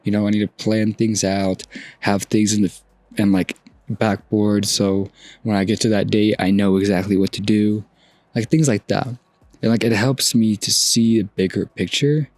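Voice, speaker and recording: A podcast host in his twenties muses softly in a fairly low, steady voice during a reflective solo monologue, speaking slowly. He trails off and restarts sentences as he thinks aloud, recorded dry and outdoors at sunrise.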